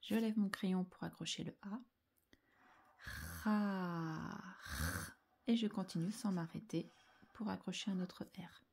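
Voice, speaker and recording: Teaching young children handwriting, a woman speaks slowly and carefully, sounding out every letter and syllable. Her voice is medium-pitched, creaky and husky, frequently dropping to a soft half-whisper.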